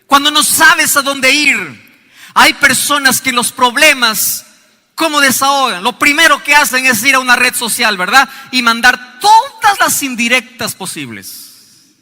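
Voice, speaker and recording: High, bright-voiced preaching man. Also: lively intonation, measured pace. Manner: preaching with sweeping rises and falls, shouting at times. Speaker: pastor. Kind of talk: sermon. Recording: long hall reverb.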